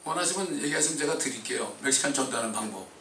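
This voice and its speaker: A male pastor preaching a sermon in a fervent style, breaking into sudden shouts. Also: mid-range voice, lively intonation, rapid-fire, a little hiss or hum. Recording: echoey church hall, distant mic.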